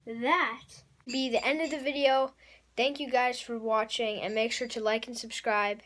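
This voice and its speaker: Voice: medium pitch, steady tone, moderate pace, a bit bright. A child or young teen vlogger talking casually to the camera in a bedroom. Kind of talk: casual vlog talk to camera. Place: small carpeted bedroom, indoors.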